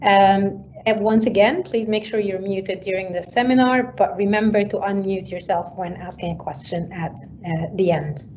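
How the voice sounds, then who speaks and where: A woman in her thirties from Egypt giving an online academic seminar, relaxed and full of fillers. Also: mid-range voice, normal speed, few pauses. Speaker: guest lecturer. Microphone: video call. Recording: slightly dull online call audio with faint noise.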